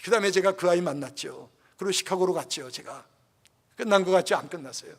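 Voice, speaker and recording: A man's voice: high-pitched, fast talker. Older male pastor preaching in a hall. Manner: passionate, emotional storytelling. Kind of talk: sermon. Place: church. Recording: reverberant church hall.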